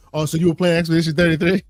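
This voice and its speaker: Hoarse, halting male podcast host. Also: on the high side, no echo. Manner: halting, repeats words, friendly shout-outs. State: hoarse, sick. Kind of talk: casual podcast hosting.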